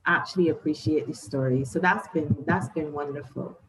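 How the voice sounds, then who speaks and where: A woman's voice: low voice, normal speed, noisy background. A woman from Barbados with a Bajan accent, answering interview questions as a novelist in a reflective, explanatory, conversational way.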